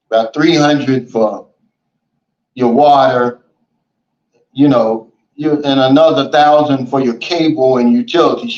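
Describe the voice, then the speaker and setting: A man hosts a casual livestream, reading viewer comments aloud and chatting in a relaxed, folksy way, often saying "man" and "you know." His voice is medium-pitched. The lo-fi audio sounds roomy and dull.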